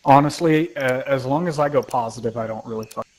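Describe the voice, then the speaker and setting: Laid-back male gamer over loud gunfire. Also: medium pitch, brisk. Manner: laid-back, joking with lobby players. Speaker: gaming streamer. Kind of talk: casual gameplay commentary. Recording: noisy game audio behind.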